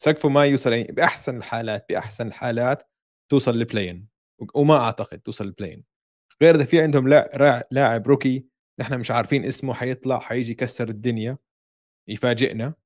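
Guy w/ palestinian jordanian arabic accent chatting sports on a podcast, talks really fast. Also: mid-range voice. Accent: Palestinian-Jordanian Levantine Arabic. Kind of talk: casual sports chat.

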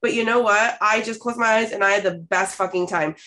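A woman in her thirties from Canada, hosting a podcast and telling stories in a candid, expressive way with casual swearing. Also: medium pitch, a little fast. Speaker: podcast host. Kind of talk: casual storytelling chat.

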